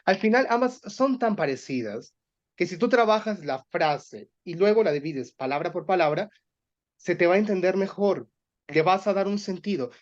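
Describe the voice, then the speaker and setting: A man's voice: high-pitched, animated, normal speed, muffled recording. A man leading a voice workshop for teachers, explaining and demonstrating exercises aloud.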